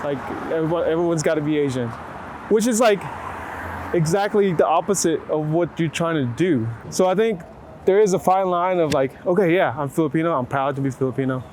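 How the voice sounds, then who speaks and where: Interviewed on a city street, a middle-aged male photographer gives relaxed, thoughtful answers in a voice on the high side with a darkish tone. His phrasing halts, leans on fillers, and keeps getting reworded as he goes. Traffic and other urban sounds run behind him.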